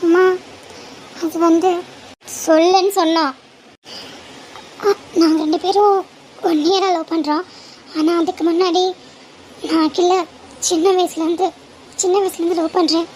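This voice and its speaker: A woman voicing an anxious, devoted young woman in love in a homemade animated cartoon, pleading and clinging. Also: a little slow, pauses often, slight background noise. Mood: hesitant. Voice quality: very high, girlish.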